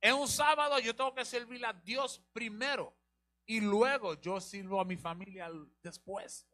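A man's voice: high voice, moderate pace, bright, forceful tone. A man teaching the Bible on a live show, asking rhetorical questions and repeating key lines. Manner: rhetorical questions and repetition, directs the reader.

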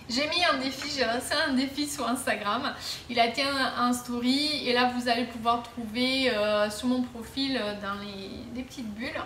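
A bright-toned woman with a slightly high voice chats casually to a camera set some way off in her living room. She talks in a loose, hesitant way, full of fillers and restarts, as she answers viewer questions. The room sounds echoey around her. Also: steady tone, moderate pace, a little hiss or hum. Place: living room at home, indoors. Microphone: camera at a distance. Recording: roomy echo, voice a bit far from the mic.

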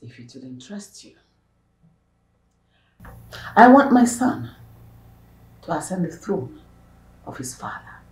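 A woman acting a cold, scornful, middle-aged Nigerian stepmother in a film drama, speaking with deliberate disdain. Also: a bass voice, expressive, a little mellow. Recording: echoey room with ambient noise.

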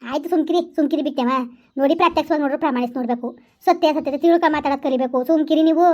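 A woman putting on a bossy village neighbor in a comedy skit, firmly hushing and lecturing. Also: sits high, rapid-fire, lo-fi sound, voice pushed down, close to an everyday voice.

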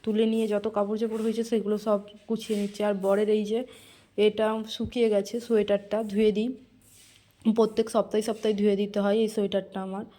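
A woman records a homey voice-over for her daily vlog, her tone mellow and warm. She confides in viewers as if they were friends across the table, chatting along without fuss. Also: medium pitch, flat delivery, fast talker. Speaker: vlogger. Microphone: voice-over recorded separately from the footage.

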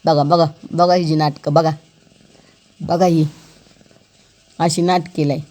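A woman's voice: low voice, fairly even intonation, slow pace, warm tone. A woman vlogging about her pet cat in a playful, teasing way, often repeating words and asking viewers questions. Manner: asks the viewers questions directly.

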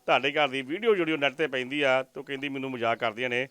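A man's voice: medium pitch, rapid-fire, a bit bright, clean tone, no room sound. A man with a Majhi Punjabi accent reporting from a village, interviewing a poor family and earnestly pleading with viewers. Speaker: news reporter. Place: village outdoors.

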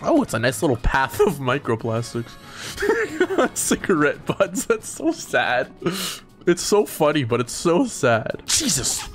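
Man excitable let's-play host, animated and swearing, faint game music behind. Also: medium pitch, a little slow. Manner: excitable, profane, laughing often. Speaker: gamer. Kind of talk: casual let's-play commentary.

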